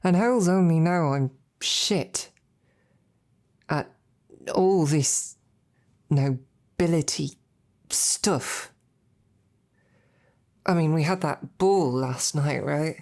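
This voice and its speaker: A woman voices a devoted but self-doubting royal knight in an intimate roleplay, her low, gravelly delivery hesitant, informal and tender. She speaks extremely slowly with frequent pauses, in a darkish, heavily acted, self-deprecating tone.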